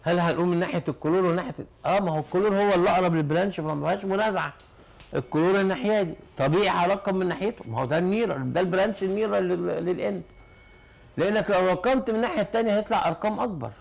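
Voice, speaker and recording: A man with an Egyptian Arabic accent teaching a chemistry lesson. His voice is fairly high and gravelly, and he talks quickly, explaining each step and answering his own questions. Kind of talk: classroom lesson.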